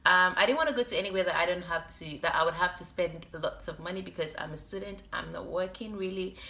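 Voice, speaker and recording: A woman's voice: fairly low pitch, fast, pushed and bright. A young woman vlogger telling a personal story in a casual, chatty way, speaking with a sore throat. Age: young adult.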